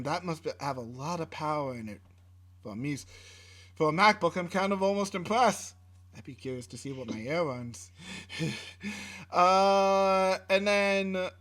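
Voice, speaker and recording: On a casual tech podcast, a male co-host with a fairly bright voice pitched high reads specs loosely. He's laid-back and mildly profane, often restarting and using fillers.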